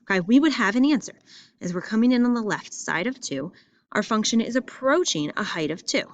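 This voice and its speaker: Lively woman teaching math. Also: fairly high pitch, brisk, dry recording, dull audio. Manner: lively, emphatic, repeats phrases for stress. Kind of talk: classroom lesson walking through graphs. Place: school classroom or building with loudspeaker.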